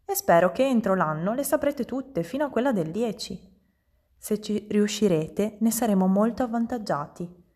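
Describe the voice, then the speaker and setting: A woman voicing a kind young female schoolteacher in an audiobook reading, with a bright, encouraging tone. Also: mid-range voice, lively intonation, normal speed, natural voice. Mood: instructive.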